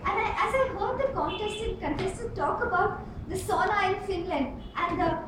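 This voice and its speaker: Using a very high, animated voice, a woman tells a rehearsed tall tale to a live club, pausing for dramatic effect like a seasoned contest speaker. The recording is roomy and made with a distant mic in an indoor club meeting room, with clear background noise.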